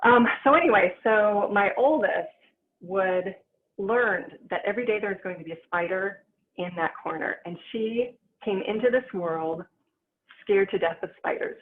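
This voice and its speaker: A woman giving a calm, chatty spiritual teaching on a livestream, reading the chat and telling family stories. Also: medium pitch, moderate pace. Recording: tinny phone-like line with faint noise.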